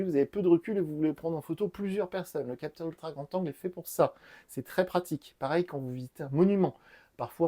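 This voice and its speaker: A man's voice: on the high side, warm tone. A middle-aged man, a former phone salesman, explaining in a casual, chatty way and repeating his key points. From France. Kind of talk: casual buying-guide explainer. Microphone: lapel mic.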